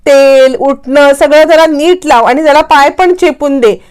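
A woman's voice: sits high, measured pace, a little mellow. A woman doing a grumpy spoiled young husband. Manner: grumpy, bossy.

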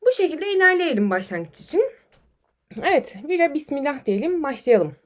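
A woman's voice: high voice, moderate pace. A woman teaching Quranic vocabulary in an online lesson, explaining memory tricks and reading short dialogues aloud. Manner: lively, addresses students as friends, reads dialogues aloud.

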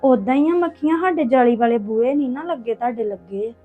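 An earnest young woman, acted by a woman, pleading with a friend in a high voice. Soft music plays faintly behind her in an amateur family web drama. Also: fairly quick, narrow, tinny audio, close to an everyday voice. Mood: brisk. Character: young woman from a poor home, hurt by gossip.

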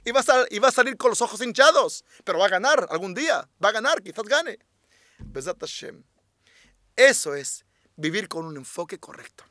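A man's voice: high voice, big pitch swings, moderate pace, sharp tone, no room sound. A man, a rabbi, giving a religious class, emphatic and fond of repeating his key phrases and asking rhetorical questions.

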